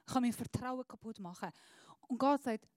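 A woman preaches a searching, earnest sermon in a fairly high voice. She often sinks into a soft, low tone. The sound is dry, with almost no room echo. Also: moderate pace.

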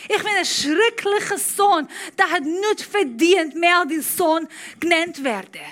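A woman preacher voicing a repentant young son who pleads haltingly in a sermon. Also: extremely high pitch, fairly bright tone, pitched above the performer's own voice. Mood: ashamed.

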